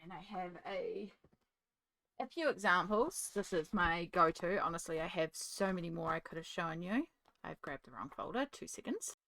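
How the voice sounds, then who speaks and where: An art channel host colours at her desk and chats casually through every step, speaking into a desk microphone while holding a cat in her lap and working one-handed. Her voice is lowish, bright and forceful, with vocal fry, at a normal pace.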